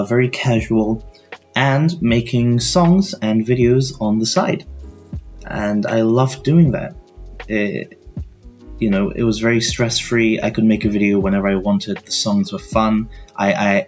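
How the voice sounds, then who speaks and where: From his dorm room, a young man hosts a podcast in a casual, rambling monologue. Having just woken up, he speaks in a quiet morning voice with fairly low pitch, stuttering through many restarts and swearing casually.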